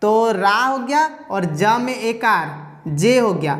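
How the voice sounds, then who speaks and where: A woman's voice: medium pitch, lively intonation, slow, big-room sound, faint music behind. A woman teaching a spelling lesson, explaining step by step, answering her own questions and checking in with a repeated "okay". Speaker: English teacher.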